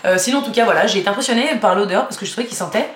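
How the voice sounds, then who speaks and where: A woman's voice: mid-range voice, very fast. A young woman vlogger chatting casually about gifts, rambling and giggling, with many fillers. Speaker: beauty vlogger. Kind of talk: casual haul chat. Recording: echoey room with faint noise.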